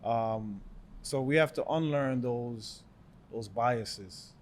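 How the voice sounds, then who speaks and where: A man's voice: mid-range voice, slow, a little hiss or hum. A young adult man from Jamaica, a podcast co-host talking things through in a reflective, filler-heavy way. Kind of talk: casual chat.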